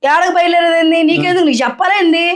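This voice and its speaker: An actress playing an angry young wife in a shouting quarrel with her husband. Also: very high voice, very fast. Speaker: actor. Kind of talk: Telugu short film acting.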